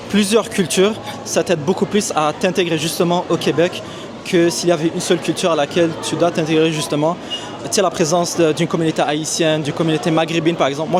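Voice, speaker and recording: Young male student, confident, slightly high voice, street crowd. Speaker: interviewed student. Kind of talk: casual street interview. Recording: outdoor crowd and traffic.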